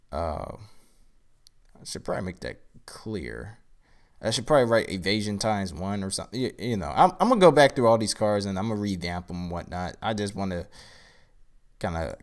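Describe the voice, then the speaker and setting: A man with a somewhat low voice, groggy and worn out after a long day. He talks loosely and thinks aloud, wandering through casual explanations on a live stream. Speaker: card game creator.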